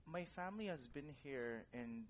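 Young male guest from the Philippines, earnest and thoughtful with pauses, faint rumble behind. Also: expressive. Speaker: guest, actor and director. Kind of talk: casual interview.

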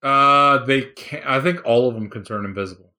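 A man hosting a casual gaming podcast, chatty and excited, with a rambling way of talking. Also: medium pitch, normal speed. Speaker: podcast host. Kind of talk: casual chat.

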